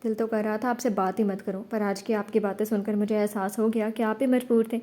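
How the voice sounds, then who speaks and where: A woman's voice: medium pitch, fairly even intonation, dark tone, close to an everyday voice. Woman reading as an emotional young woman. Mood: softened. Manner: tearful, then playful.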